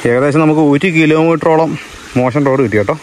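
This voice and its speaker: Fast-talking and somewhat high-pitched, a man with a Kerala accent narrates his casual travel vlog, blending English into Malayalam. He hails from Kerala, India, and records outdoors on a hill path using a noisy handheld setup.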